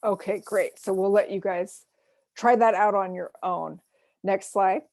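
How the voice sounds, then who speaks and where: A woman presenting an online self-care workshop, explaining grounding techniques gently with frequent fillers, heard over a video call. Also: medium pitch, fairly even intonation, measured pace, vocal fry, no room sound.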